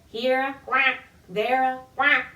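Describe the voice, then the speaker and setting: Her voice is high, steady, pushed and bright, and she speaks slowly while leading a playful, sing-song storytime for children. Her simple, encouraging phrasing is meant for babies and their parents. The session was recorded virtually in an indoor room that echoes, with the microphone placed at a distance.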